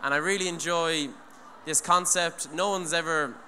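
A young adult man from Ireland gives an earnest, rambling talk at an eco event, speaking into a handheld mic on stage in a large hall, with many restarts and "you know". His voice is fairly high, fairly even in intonation, at normal speed, and bright and forceful. The recording has a long hall reverb and faint noise.

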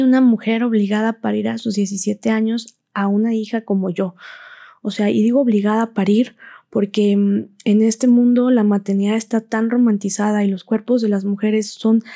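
A woman's voice: medium pitch, dark tone. A woman, a podcast guest telling her personal story with fervent, impassioned delivery. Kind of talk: emotional personal testimony.

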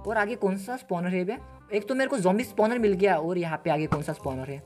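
A man hosting a gaming channel talks through his gameplay at a rapid clip. He is excitable and keeps firing off slangy exclamations. Faint game music plays underneath. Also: high voice. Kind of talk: Let's Play gameplay commentary.

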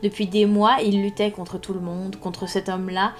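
A woman narrating a classic French novel in a measured storytelling voice, in a live reading. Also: medium pitch, flat delivery, soft background music. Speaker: reader.

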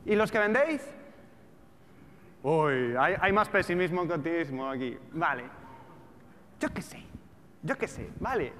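With a fairly high, sing-song voice and a fairly bright tone, this man speaks at a measured pace and pauses often. A trader and trading educator in his thirties with a European Spanish accent, he addresses a live audience in a large auditorium in a casual, colloquial way, asking many rhetorical questions. Echo and background noise fill the hall.

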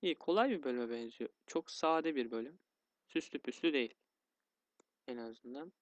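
Guy doing let's play commentary, mid pitch, dry close mic, keeps sighing and grumbling. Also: lively intonation, moderate pace, no echo, lo-fi sound. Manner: grumbling and easily frustrated, with sighs and yelps. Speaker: gaming YouTuber.

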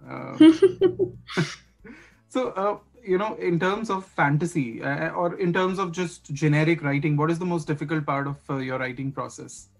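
A man's voice: fairly high pitch, moderate pace, vocal fry, poor audio. A man hosting a podcast interview who asks questions hesitantly, with many fillers and restarts. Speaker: podcast host.

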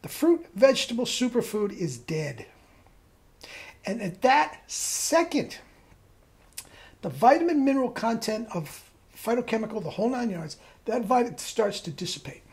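Brief: woman weight-loss coach, mocking rant, animated high voice. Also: moderate pace. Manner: scornful, mocking, laughs at own rant. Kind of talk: ranting video monologue.

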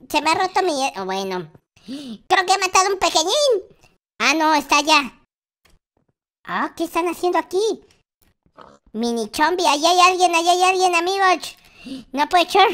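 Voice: very high voice, expressive, moderate pace, pauses often, sharp tone, full character voice. A performer voicing a timid but boastful baby noob boy in a Minecraft gameplay video, talking in childish baby talk with a lisp. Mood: gleeful. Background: faint background music.

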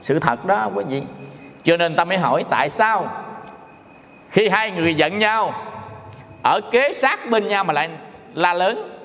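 A middle-aged Vietnamese Buddhist monk gives a folksy, joking dharma talk, acting out quarrels as he goes. His voice is high-pitched, expressive, and a bit bright, and he speaks a little slowly with frequent pauses. A long hall reverb surrounds the recording.

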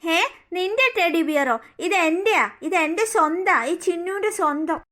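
A woman's voice: extremely high pitch, normal speed, fairly bright tone. A woman voicing a spoiled little girl in a cartoon story, whiny and possessive.

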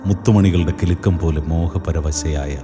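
A man narrating a horror audio story in an intense, theatrical way that rises to shouts. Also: low-pitched, normal speed. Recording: reverberant with music behind.

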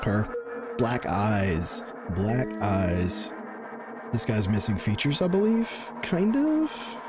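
A gaming video host, a man in his thirties, gives casual, jokey gameplay commentary, often repeating himself and swearing. His voice sits fairly low, swings widely in pitch, and moves at a slow pace. He's recorded on a close desk mic and headset at an indoor gaming setup, with game music in the background.

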